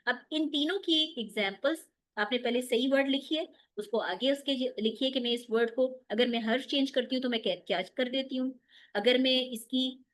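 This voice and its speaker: Woman teaching Quran recitation rules. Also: on the high side. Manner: explains step by step, asks and answers her own questions. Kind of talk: online tajweed lesson.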